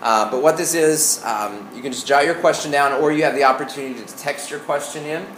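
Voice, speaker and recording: A man with an Arkansas Southern accent teaching an informal sermon as a pastor, folksy and halting, often restarting his phrases. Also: a little high, fairly bright tone. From Arkansas, United States. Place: indoor room before a congregation. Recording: echoey room, faint background noise.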